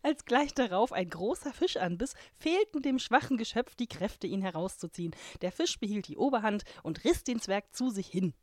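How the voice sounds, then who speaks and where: A woman's voice: medium pitch, moderate pace, hardly any pauses, no room sound. A woman podcast host reads a fairy tale aloud and breaks off for wry, casual remarks. Her voice moves up and down a lot. The sound is close and dry. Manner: lively and wry. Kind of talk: reading aloud with casual chat asides.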